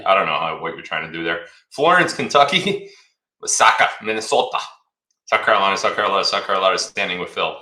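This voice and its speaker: A man's voice: on the low side, sharp tone, reverberant. A man in his thirties hosting a casual livestream Q&A, rambling and chatty, reading viewer comments aloud. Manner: chatty, rambling, repeats words. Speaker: livestream host.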